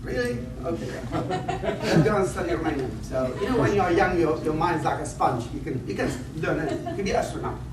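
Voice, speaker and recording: Fairly high-pitched and lively in intonation, this northern Iraqi man in his fifties speaks fairly quickly with few pauses. As an invited conference speaker, he opens his lecture with rambling personal anecdotes, self-deprecating jokes and frequent restarts. It's recorded in an echoey lecture hall with a distant mic and background noise.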